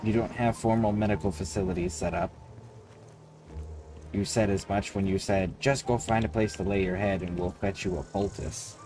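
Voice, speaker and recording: Low-voiced man livestreaming a game. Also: fairly even intonation, moderate pace. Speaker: livestreamer playing a video game. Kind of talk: game commentary, thinking aloud and reading choices. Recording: game music behind the voice.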